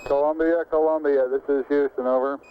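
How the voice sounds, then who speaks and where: A man working as a mission control radio communicator, speaking in measured, formal astronaut radio procedure. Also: a little high, fairly even intonation. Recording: tinny, hissy 1960s space radio link.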